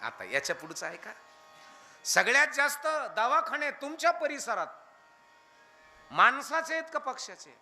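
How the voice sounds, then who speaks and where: High, bright-voiced preacher. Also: male voice, moderate pace, long pauses, faint music behind. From Maharashtra, India. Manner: animated, firing questions at the audience; drops into chanted verse lines. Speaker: kirtan preacher. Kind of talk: devotional kirtan sermon.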